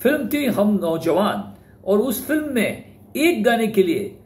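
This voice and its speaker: This male host explains film music history informally, blending Hindi with English words and naming artists with respect. His voice sits high and is very animated, moving at a measured pace, with roomy echo and faint noise in the recording.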